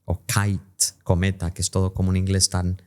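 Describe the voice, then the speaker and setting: A man's voice: low voice, completely flat delivery, normal speed, clean tone. A man, an English teacher and interview guest, who explains pronunciation and demonstrates English sounds as he talks.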